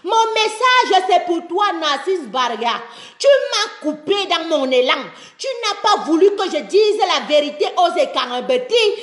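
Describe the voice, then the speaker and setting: A woman with a very high voice delivers a slow, impassioned live rant, drifting into chanted, sung refrains between her spoken lines. The room around her sounds echoey. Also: sing-song, a bit bright. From Cameroon. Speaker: political video commentator. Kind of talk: live video rant with singing.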